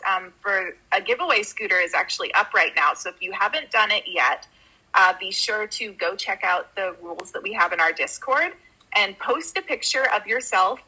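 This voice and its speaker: A woman's voice: mid-range voice, bright, forceful tone, breathy edge, poor audio. A woman co-hosting a casual group voice chat, upbeat as she announces community news. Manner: upbeat, announcing giveaway details. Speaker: co-host.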